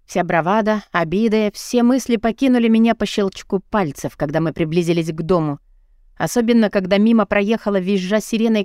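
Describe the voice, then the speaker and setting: A woman's voice: medium pitch, a little mellow, clear, resonant tone, dry recording, clean studio sound. A woman narrating a novel in the first person, reading dramatically and with strong emotion. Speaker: audiobook narrator.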